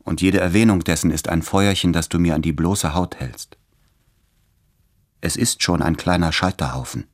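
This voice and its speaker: A man's voice: sits low, normal speed. An actor playing an anxious, stubborn man in a radio play, who refuses to go to his lover and speaks with tense desperation.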